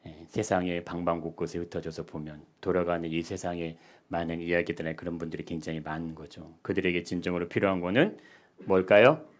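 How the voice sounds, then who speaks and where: A man preaches a sermon with a fairly low voice. He keeps asking the congregation questions. He drops to quiet lines and then rises to loud, emphatic ones. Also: steady tone, fairly quick. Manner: rhetorical questions to the congregation, swings between soft and loud. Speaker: pastor.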